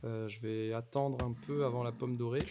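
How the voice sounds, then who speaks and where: A man's voice: medium pitch, fairly even intonation, moderate pace, mellow, a little hiss or hum. A man giving casual commentary on his Minecraft playthrough, talking to the mobs and to viewers, repeating nervous exclamations in tense moments. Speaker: gaming YouTuber.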